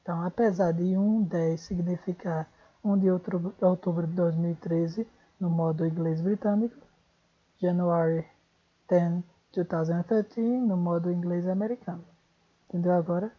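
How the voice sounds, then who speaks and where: A woman's voice: on the low side, fairly even intonation, normal speed. A woman with a Brazilian Portuguese accent teaching an online English lesson, thinking aloud and correcting herself as she goes. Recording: dull lo-fi recording.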